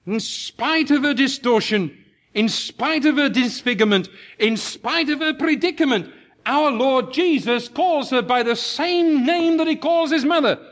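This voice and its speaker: A man preaching a sermon to his congregation, slow and emphatic, rising into impassioned peaks. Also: extremely high pitch, fairly bright tone.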